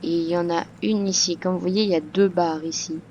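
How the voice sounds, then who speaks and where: A woman's voice: fairly low pitch, steady tone, a little fast, dark tone, highs cut off, slight background noise. A woman talking through a game tutorial in a casual voice-over, hesitant, with many fillers and restarts. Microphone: computer microphone.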